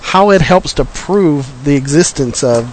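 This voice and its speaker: Halting male radio host, slightly high voice. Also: animated, rough recording. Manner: halting, stumbling over words. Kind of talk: casual live interview chat.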